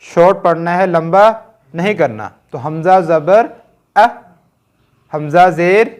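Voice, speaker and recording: A man's voice: on the high side, animated, slow, a little mellow. A man with a Pakistani Urdu accent teaching Quran reading in a recorded lesson, patiently drilling short sounds one by one and checking that learners follow.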